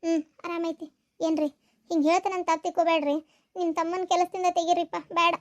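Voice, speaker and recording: A woman's voice: extremely high pitch, flat delivery, fast, lo-fi sound. A woman speaking with a North Karnataka Kannada accent, acting an anxious village mother who pleads one moment and bitterly scolds the next. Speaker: worried mother in a family skit. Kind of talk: village family drama acting.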